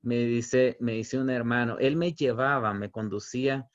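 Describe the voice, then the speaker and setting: A man preaching a sermon as pastor, telling stories with light humor, slowing for emphasis and then rushing through asides. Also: medium pitch, fairly even intonation, highs cut off. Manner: storytelling with humor, chuckles between points; swings between emphatic stretched phrases and quick asides.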